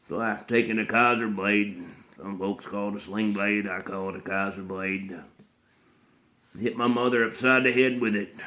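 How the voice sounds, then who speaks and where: In a flat, grim performance, a man voices a simple, slow, haunted backwoods figure with a rural Southern US accent. The dramatic monologue comes out halting, plainspoken and mumbled, with throaty grunts and hums, in a lowish, sharp-toned voice.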